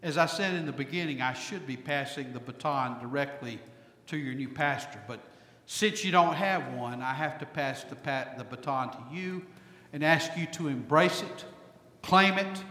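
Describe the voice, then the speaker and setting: A man preaching a sermon with slow, emphatic, repetitive phrasing. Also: mid-range voice, bright, forceful tone. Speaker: pastor. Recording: echoey hall.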